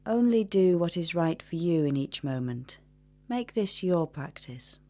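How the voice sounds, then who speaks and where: A woman guides a meditation gently and at a measured pace, leaving long pauses between her instructions. Her voice is fairly low and expressive.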